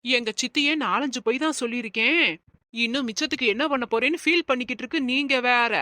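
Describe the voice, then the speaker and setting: A woman's voice: sits high, quick pace, pushed and bright, dry recording. A woman playing a glib gossiping neighbour. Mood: breezy.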